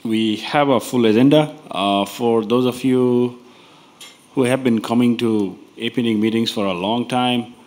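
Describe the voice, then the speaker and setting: A man chairing a conference members meeting from a panel table, speaking in an unhurried, informal way. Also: medium pitch, darkish tone.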